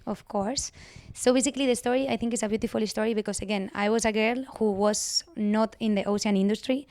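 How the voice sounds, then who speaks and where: A woman from Spain speaks with a strong Spanish accent, telling her story as a podcast guest in an earnest, measured manner. Her voice is smooth and clear, with a flat, even pitch, recorded dry and close. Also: no echo. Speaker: guest, writer.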